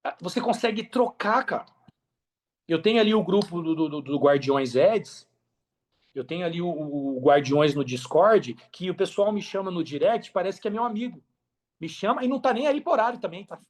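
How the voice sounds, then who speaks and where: With a high, expressive voice at a moderate pace, a Brazilian man tells his story as a podcast guest. He's an affiliate marketer, and his relaxed interview talk is slangy, expansive and repetitive for emphasis.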